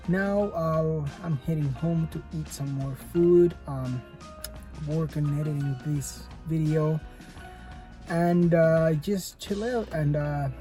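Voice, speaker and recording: With music playing under his voice, a native Spanish-speaking man in his twenties chats casually in a fitness vlog. His voice is on the high side with a dark tone, and he's hesitant and full of fillers and restarts, using dry, self-mocking humor.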